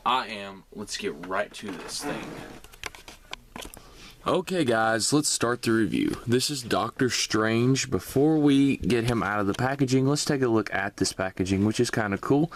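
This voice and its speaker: A man's voice: medium pitch, a little hiss or hum. Chatty man reviewing a toy. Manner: chatty, talks straight to viewers. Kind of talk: casual unboxing review.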